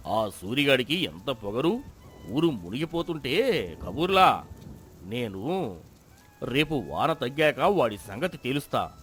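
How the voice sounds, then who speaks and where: A man voicing a stern middle-aged village leader who shouts orders in a storm. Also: medium pitch, big pitch swings, slow pace, pauses often, slight background noise. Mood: angry, rallying.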